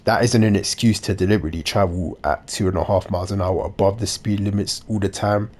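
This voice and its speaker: A man with a blocked nose giving measured, matter-of-fact game commentary, sounding nasal and a bit dopey. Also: fairly low pitch, fairly even intonation, a little mellow. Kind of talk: measured instructional gameplay commentary.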